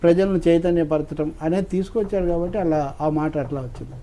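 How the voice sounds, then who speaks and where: A man with a high but dark, mellow voice, speaking as a guest scholar in a studio discussion. He builds his points as lists, pauses to recite lines of verse, and keeps an explanatory, lecturing tone throughout. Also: slight background noise.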